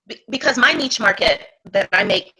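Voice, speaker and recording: A woman's voice: on the high side, animated, moderate pace, bright, forceful tone, low-quality recording. A woman in casual chat on a live video call, her voice cutting in and out over a patchy connection. She talks chattily and keeps restarting her sentences. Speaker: real estate agent and guest caller.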